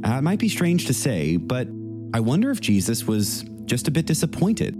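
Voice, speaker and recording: Priest reading over soft music. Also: male voice. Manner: measured, gentle reading voice with lively pitch. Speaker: priest leading a meditation. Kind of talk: reflective meditation and scripture reading. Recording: music playing underneath the voice. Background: soft instrumental music.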